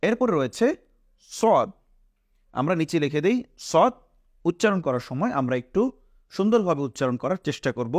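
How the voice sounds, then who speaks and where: A Quran reading teacher with a Bangladeshi Bengali accent patiently drills pronunciation, drawing out each letter sound and repeating it, and he poses questions to the class only to answer them himself. His voice is a bit high for a man, animated and slightly fast. The recording is close and dry, without room echo.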